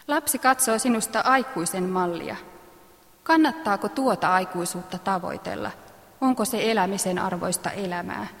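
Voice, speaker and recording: A woman reading parenting advice aloud in a measured, instructive manner, clearing her throat now and then. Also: medium pitch, a bit bright, in a large hall. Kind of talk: read-aloud advice text.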